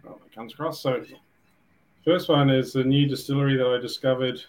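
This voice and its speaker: A man's voice: mid-range voice, fairly even intonation, a little fast, low-quality recording. A man co-hosting a casual chat show, talking in an informal way. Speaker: co-host.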